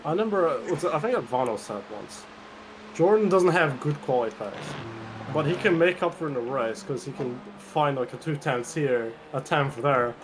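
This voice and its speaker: A man's voice: a little high, lively intonation, moderate pace. A man in casual voice-chat banter, joking and chatting as he drives a sim race. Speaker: sim racing driver streaming a team endurance race. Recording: noisy game-audio background.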